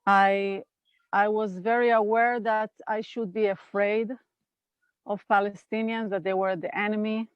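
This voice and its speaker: Speaking from her home in California over a video call, a woman in her fifties with an Israeli accent reflects on her path as an NVC trainer being interviewed. She talks thoughtfully and unhurriedly, with pauses and fillers, in a smooth, medium-pitched voice with little pitch movement. The recording is dry, with the highs cut off.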